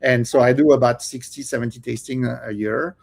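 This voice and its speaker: French-accented man, halting and chatty. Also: mid-range voice, steady tone, creaky, darkish tone. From France. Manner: hesitant, many fillers and restarts, laughs often. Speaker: podcast guest, cookbook author. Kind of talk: casual interview chat.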